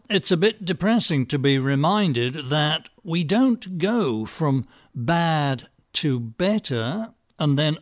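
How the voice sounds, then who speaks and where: A man giving scripted political commentary with a dry, sardonic, measured delivery. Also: on the high side. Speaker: podcast commentator.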